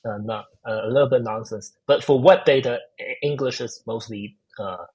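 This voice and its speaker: An AI researcher appears as a guest in a casual technical interview, a man with a Chinese accent answering questions. His mid-range voice has a darkish tone with a breathy edge, and he moves at a moderate pace, hesitating with many fillers and restarts.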